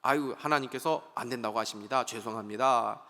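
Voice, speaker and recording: A fawning old prophet speaks low and humble, bowing and scraping, as a preacher puts him on. A long church reverb trails his words. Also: brisk, pushed and bright. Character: meek, apologetic old prophet, greedy.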